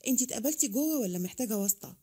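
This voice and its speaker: A woman's voice: a little high, expressive, very fast, dark tone, breathy edge. A woman voicing a teasing Egyptian young man. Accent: Egyptian Arabic.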